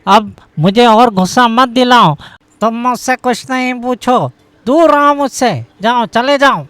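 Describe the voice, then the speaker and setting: A voice actor playing a hot-tempered young husband in a cartoon story, blustering and quick to rage. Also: medium pitch, a bit bright, smooth, dry recording, close to an everyday voice. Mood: raging. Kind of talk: cartoon voice acting.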